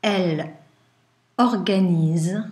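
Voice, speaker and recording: A woman schoolteacher dictating to young pupils, pronouncing phrases word by word with deliberate pauses and repeats. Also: lowish voice, a little mellow, slight background noise. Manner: deliberate, sounding out words with pauses. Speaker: primary school teacher. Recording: echoey room.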